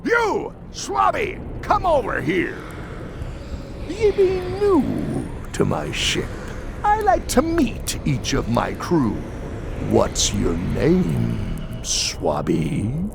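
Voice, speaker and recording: A man voicing a menacing, grandiose undead pirate captain in a video game, gravelly and commanding, speaking in pirate dialect. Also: high-pitched, wildly swooping pitch, drawn-out words, music in the background, exaggerated voice.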